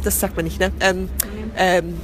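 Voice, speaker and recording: The recording is rough, with music behind a woman speaking at a measured pace in a fairly low, level voice. A guest from southern Germany who founded a theatre company, she chats informally, searching for words, restarting often and falling back on English.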